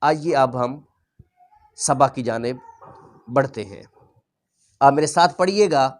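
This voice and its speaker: Speaking at a medium pitch, a male Quran teacher goes through a reading lesson with patience, restating each rule and pronouncing letters slowly.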